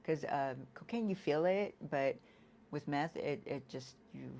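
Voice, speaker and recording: A woman with a low voice speaks candidly about her own past, halting and restarting as she goes. A faint hiss sits under the recording. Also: creaky. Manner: halting, restarts often, leans on "you know"; acts out quoted lines with sudden loud bursts. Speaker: guest sharing an addiction recovery story. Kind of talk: candid personal testimony.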